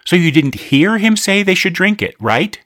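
A man plays an eager young boy with a lively, bouncing delivery. The sound is dry and close, with no room echo. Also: high voice, normal speed, pitched above the performer's own voice. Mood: arguing. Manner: eager, excitable. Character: eager, excitable boy, a kid.

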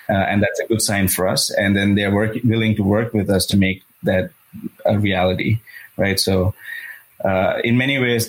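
A man speaking as a company executive, answering interview questions in a measured way with fillers. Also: lowish voice, rough recording.

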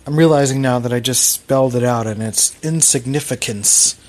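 A man's voice: medium pitch, normal speed, darkish tone. A man from Philadelphia with a Philly accent, hosting a casual solo podcast in a rambling, self-deprecating way. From Philadelphia, USA. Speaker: podcast host.

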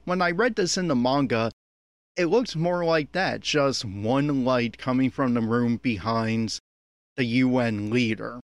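An unhurried man at medium pitch picks apart an anime episode in off-the-cuff running commentary. The audio has no room sound, and his tone is critical, opinionated and exasperated.

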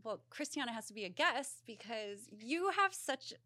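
A woman with a bright, forceful voice hosts a relaxed podcast interview. She is chatty and informal, dropping in "like" often, and the sound is close and very dry. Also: a little high, normal speed, dry recording. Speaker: podcast host. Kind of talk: casual conversational interview.

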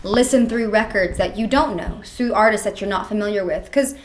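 A woman's voice: mid-range voice, fairly quick. A woman in her twenties, a musician chatting casually in a backstage interview. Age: 20s. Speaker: musician guest. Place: backstage at a theater.

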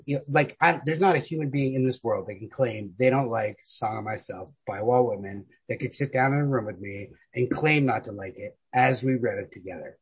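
Husky and mid-range, this man's voice comes through on poor audio. He's a podcast host in a casual conversation about books, emphatic and slangy with plenty of profanity, repeatedly hedging with "like."

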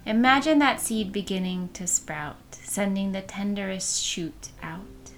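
Slow, soft-spoken woman guiding meditation. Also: medium pitch, slight background noise. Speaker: meditation guide. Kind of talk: guided meditation.

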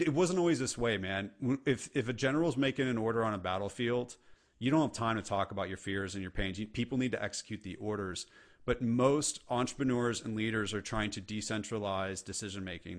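A middle-aged man, a leadership coach, talking earnestly and casually as a podcast guest. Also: lowish voice. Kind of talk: podcast interview conversation.

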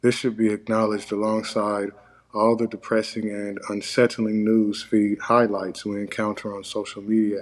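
A man reads a scripted essay for a podcast. His voice sits on the low side and moves very little in pitch. The delivery is measured and deliberate, as narration from a written text. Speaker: podcast host; monk.

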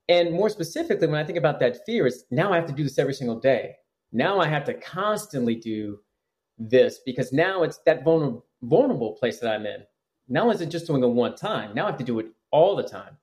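A man's voice: on the high side, darkish tone. A man who is a psychologist, talking earnestly as a podcast guest and often restarting his phrases. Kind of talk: conversational podcast interview.

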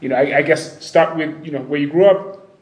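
A man's voice: on the high side, fairly quick. A man hosting a casual interview, informal and often restarting as he searches for words. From Kenya. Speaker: podcast host. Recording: roomy echo, faint background noise.

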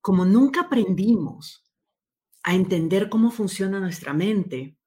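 A woman's voice: mid-range voice, animated, unhurried, a little mellow. A woman being interviewed, speaking in an earnest, thoughtful way and often correcting herself mid-sentence. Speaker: interview guest. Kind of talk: conversational interview.

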